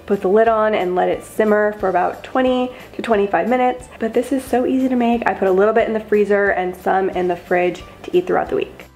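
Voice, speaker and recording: A woman's voice: mid-range voice, a little fast, few pauses, a little mellow, roomy sound, soft background music. A young woman vlogger talking through her cooking steps in a chatty, upbeat voice-over. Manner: upbeat, chatty, step-by-step instructions. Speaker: lifestyle vlogger. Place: home kitchen.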